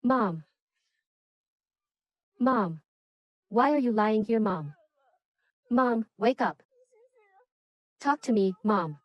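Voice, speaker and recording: A woman's voice: a little high, lively intonation, very slow, pauses often, no echo, highs cut off. A woman in an English drama dub playing a desperate young daughter who pleads and accuses through her grief. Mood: grieving.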